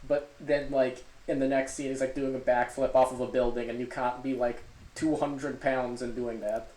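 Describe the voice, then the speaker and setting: A co-host rambles through casual comedy podcast banter, hesitant and full of filler words. The voice is dark and mellow, and it sits in a roomy, echoing space on a makeshift mic. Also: mid-range voice, flat delivery, normal speed. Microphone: makeshift microphone, not the usual one.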